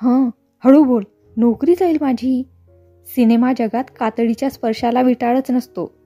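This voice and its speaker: Woman reading a careful young actress, talking hushed, highish husky voice. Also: steady tone, unhurried, dry recording, soft background music. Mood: hushed, cautious. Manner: hushed, cautioning. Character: young actress, wary and worldly.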